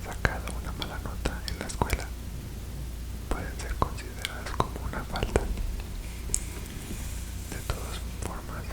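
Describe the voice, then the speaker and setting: A woman reads narrative prose entirely in a whisper. Her delivery is hushed, breathy and unvoiced, kept slow and soothing in the manner of an ASMR bedtime reading. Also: rough recording. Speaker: ASMR reader.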